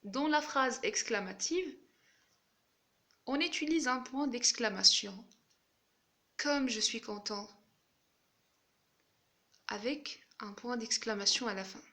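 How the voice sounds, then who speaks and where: Female teacher, fairly high bright voice, slow and deliberate grammar lesson delivery. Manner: slow, careful explaining with examples.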